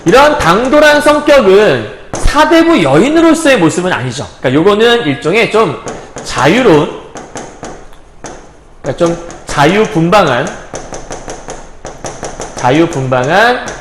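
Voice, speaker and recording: A man's voice: high-pitched, a little slow, long pauses, a little hiss or hum. A man teaching a Korean literature lecture, explaining in plain casual terms and acting out characters' lines. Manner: acts out characters' lines in a lively voice. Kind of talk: recorded lecture on a classic novel. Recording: roomy echo.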